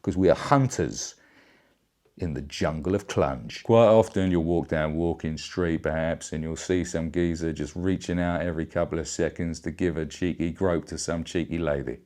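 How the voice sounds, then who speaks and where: A man's voice: extremely low pitch, normal speed, darkish tone. A middle-aged man delivering a brash, bawdy satirical comedy rant. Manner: brash, bawdy, blokey banter. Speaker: vlogger.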